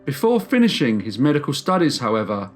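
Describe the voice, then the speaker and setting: Man, true crime narrator, mid pitch, measured delivery, faint music behind. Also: sing-song. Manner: measured storytelling with slow emphatic stresses. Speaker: true crime channel host.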